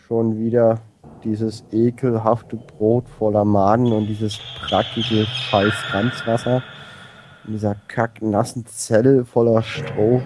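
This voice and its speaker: A man playing a grumpy male prisoner who rants slowly about his cell and food. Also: medium pitch, background noise, lightly acted. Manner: drawn-out complaining rant. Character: grumpy imprisoned man, whiny and ranting.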